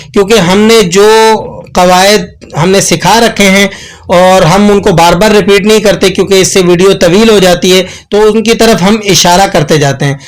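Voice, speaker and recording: Guy teaching quran tajweed, high smooth voice, says each word over and over. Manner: patient, repeats words to show right and wrong reading. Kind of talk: tajweed lesson.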